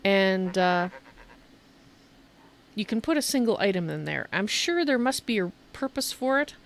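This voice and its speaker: A woman with a mid-range, creaky voice and lively intonation speaks unhurriedly as a streamer giving a game tour. Her talk is casual, chatty gameplay commentary and show-and-tell, thinking aloud as she shows things off.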